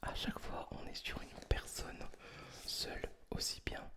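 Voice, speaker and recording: A person speaking entirely in a breathy whisper, close to the mic, presenting books in a casual, informal ASMR style. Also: measured pace, sharp tone. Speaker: ASMR video host. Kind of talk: whispered ASMR book review, casual chat.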